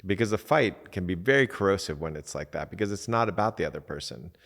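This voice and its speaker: Deep-voiced man giving candid advice. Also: fast talker, vocal fry, long reverb tail. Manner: relaxed, candid, swears casually, acts out quotes. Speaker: podcast host and coach. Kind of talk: casual advice talk.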